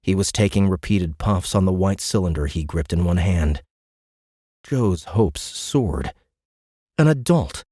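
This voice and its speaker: This audiobook narrator, a man with a low and mellow voice, tells a fictional story with dramatic, scripted flair, lively intonation, and a measured pace. The close recording is dry, with no echo or room sound.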